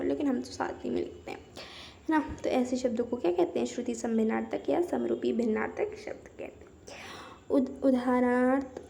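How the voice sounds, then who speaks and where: A woman's voice: high voice, creaky, warm tone. A woman teacher reading word pairs with their meanings and explaining them with simple example sentences. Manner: explains each word, then gives everyday example sentences. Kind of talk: Hindi grammar lesson, reading word lists.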